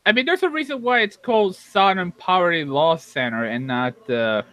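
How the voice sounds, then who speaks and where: A man's voice: high-pitched, expressive, moderate pace, a bit bright. A man on a casual podcast call, brash and mocking.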